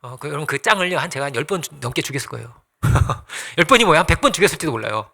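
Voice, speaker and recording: A man's voice: on the high side, sing-song, fast, vocal fry, sharp tone. A man pastor preaching a sermon in a conversational way, asking the congregation questions and acting out little quoted exchanges.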